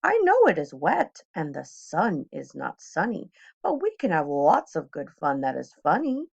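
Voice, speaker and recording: A woman's voice: low voice, huge pitch swings, a little slow, creaky, highs cut off, full character voice. A woman voicing a boastful, playful male trickster cat in a hat from a children's storybook, with a showy, coaxing, emphatic way of talking. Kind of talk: children's storybook read-aloud.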